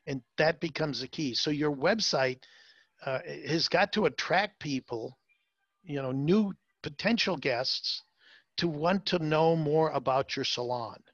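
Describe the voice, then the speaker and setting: Male consultant, slightly high voice, emphatic and repetitive, dull dry recording. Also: a little slow, fairly bright tone, dry recording. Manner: emphatic, repeats key words, many fillers. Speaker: salon marketing consultant. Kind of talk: interview, advice talk.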